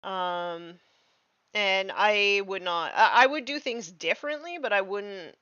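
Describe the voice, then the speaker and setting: Slow, relaxed woman chatting while painting. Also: medium pitch, clean tone, no room sound, highs cut off. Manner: relaxed and chatty, many fillers, baby-talks to her dog. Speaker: streamer painting miniatures. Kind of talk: casual live-stream chat while painting.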